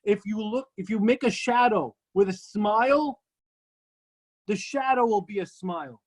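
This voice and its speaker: A man's voice: high-pitched, unhurried. A man, a rabbi, giving an ethics class, who tells stories in an emphatic style and repeats phrases for effect.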